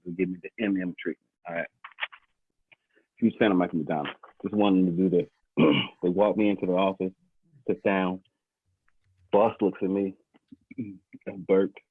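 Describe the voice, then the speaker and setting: A man's voice: low voice, steady tone, normal speed, long pauses, breathy edge, no echo. A man doing loose, rambling stand-up from his bedroom over a video call, laughing often. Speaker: stand-up comedian. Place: bedroom at home. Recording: tinny phone-like call audio.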